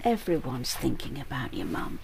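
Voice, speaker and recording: A woman's voice: rumbling low, wildly swooping pitch, moderate pace, gravelly, darkish tone, full character voice. An actress playing a caring middle-aged daughter who reassures her ill mother in a radio drama. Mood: soothing.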